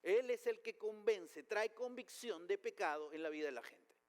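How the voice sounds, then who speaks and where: A man's voice: high voice, lively intonation, moderate pace, in a large hall. A man preaching a sermon as pastor, emphatic, with rhetorical questions put to the congregation. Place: church hall.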